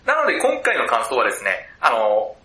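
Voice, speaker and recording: A man's voice: mid-range voice, wildly swooping pitch, moderate pace, sharp tone. A man co-hosting a casual movie review podcast, joking and teasing, then giving his review in polite formal phrasing. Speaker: podcast co-host. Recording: roomy echoey room.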